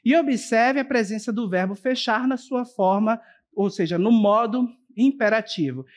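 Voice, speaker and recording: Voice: medium pitch, moderate pace. Teacher checking in with "ok?". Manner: explains step by step, keeps checking in with "ok?"; addresses students directly and warmly as a group. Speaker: Portuguese teacher. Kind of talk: televised school lesson.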